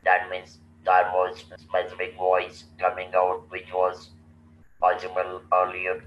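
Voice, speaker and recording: A guest in his sixties, originally from India, narrates events from his life at a slow, deliberate pace. He speaks in a flat, low monotone and keeps stopping to restart. A faintly noisy, muffled recording makes him sound far off in a roomy space.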